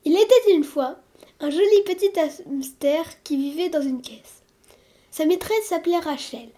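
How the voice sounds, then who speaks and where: A woman reads a children's fairy tale aloud with lively, expressive storytelling. Her voice is high yet warm and mellow. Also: unhurried. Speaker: narrator. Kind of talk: storybook reading.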